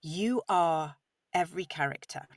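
A woman with a lowish voice talks expansively and with enthusiasm as a podcast guest. She sits a little back from the microphone, and the sound is dry and close, with no room echo. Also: a little slow. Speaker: audiobook narrator, guest. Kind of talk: conversational podcast interview. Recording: slightly distant mic, dry sound.

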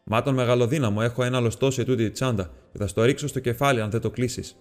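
A man voicing a gruff, lanky old man who keeps animals and speaks in a fussy, irritable way, in an audiobook reading. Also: mid-range voice, fairly even intonation, big-room sound, faint music behind, lightly acted. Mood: angry. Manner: irritable, then fussy and welcoming.

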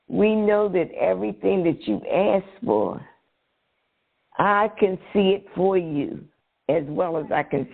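Male guest on a call, gravelly and slow, phone-line sound. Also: fairly high pitch. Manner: blessing, effusive, slow. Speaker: featured guest. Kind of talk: spiritual phone call chat.

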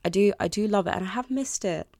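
Female podcast host, early 20s. Mellow and deep, self-deprecating and candid, recorded close and dry. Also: quick pace, dry recording. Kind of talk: confessional solo podcast talk. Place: bedroom. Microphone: close podcast microphone.

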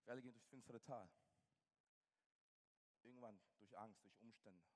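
A man preaching a sermon as pastor, swinging between loud fervent passages and soft hushed ones, with English interjections like "hey" and "come on". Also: fairly low pitch, steady tone, moderate pace.

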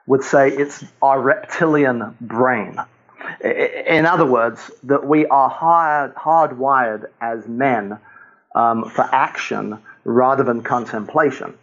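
An older man speaks as a guest on a faith talk show, walking through his points one by one. He tells short stories and chuckles as he goes. His voice sits at an ordinary pitch and comes through dull, lo-fi audio. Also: takes it slowly, a bit bright. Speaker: guest author.

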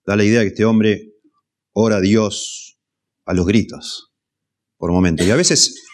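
Low-voiced preacher, measured. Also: male voice, steady tone. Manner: measured, repeats key phrases for emphasis. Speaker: pastor. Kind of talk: expository sermon.

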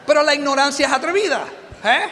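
High-voiced Puerto Rican man in an echoing hall. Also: fast talker, very noisy. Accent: Puerto Rican Spanish. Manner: animated, joking, quizzes the audience with questions. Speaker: motivational business speaker. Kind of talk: live motivational seminar talk. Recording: long hall reverb.

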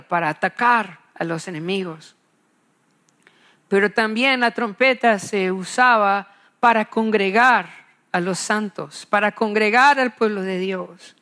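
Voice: mid-range voice, pushed and bright. A preacher giving an expository Bible sermon, emphatic, repeating key phrases and asking rhetorical questions.

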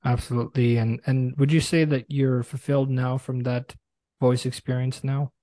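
A man from Brooklyn with an American accent, interviewing on a podcast in an effusive, halting way. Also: medium pitch, little pitch movement, dark tone, dry recording. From Brooklyn, New York. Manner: effusive, halting delivery with repeated words.

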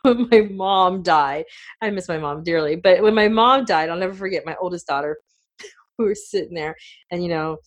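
A woman's voice: on the low side, moderate pace. A middle-aged woman co-hosting a radio talk show, telling family stories in a chatty way with lots of fillers. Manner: chatty, storytelling, many fillers. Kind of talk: casual chat.

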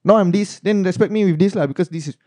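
A man talks quickly in Malaysian or Singaporean slangy English on a casual podcast. His voice is mellow and closely recorded, and he repeats himself with lots of lah and tag questions. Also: high-pitched, no echo. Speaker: podcast panellist.

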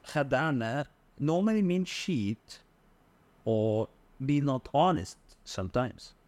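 A man with an Egyptian Arabic accent, explaining word meanings in a conversational language lesson, in halting, piecemeal phrases. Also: mid-range voice, sing-song, a little mellow, no room sound. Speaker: Arabic dialect co-teacher.

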